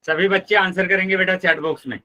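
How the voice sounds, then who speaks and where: A male math teacher leading a live online class, patiently explaining steps and repeating them, addressing students warmly as children. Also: high voice, steady tone, fast.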